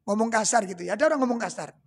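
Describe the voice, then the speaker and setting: Male preacher, Javanese accent, husky gravelly voice, jokey, quizzes the crowd. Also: high-pitched, animated, racing. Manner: joking, asks the audience rhetorical questions. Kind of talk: religious lecture.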